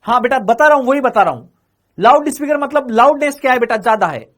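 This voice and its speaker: High-voiced male physics teacher, questioning. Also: animated, quick pace, a bit bright. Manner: keeps calling students "beta" and quizzing them with questions he answers himself; repeats each phrase several times. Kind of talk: exam-prep classroom lecture.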